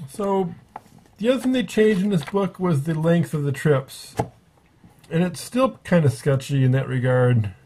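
A man's voice: on the high side, unhurried, mellow, a little hiss or hum. A man giving a casual, rambling spoken review at a table, often correcting himself as he goes. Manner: rambling, self-correcting, offhand. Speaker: book reviewer.

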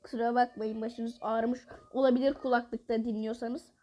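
A woman giving live gameplay commentary, excitable, bursting into exasperated outbursts and taunting opponents while talking to her viewers. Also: fairly high pitch, normal speed. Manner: addresses viewers directly. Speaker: mobile game player.

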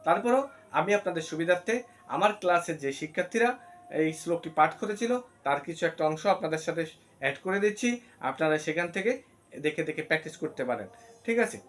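A man's voice: fairly high pitch, animated, quick pace, a bit bright, faint music behind. A man teaching Sanskrit pronunciation in a recorded class, explaining patiently step by step and often checking that the listeners follow. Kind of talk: recorded online class lesson.

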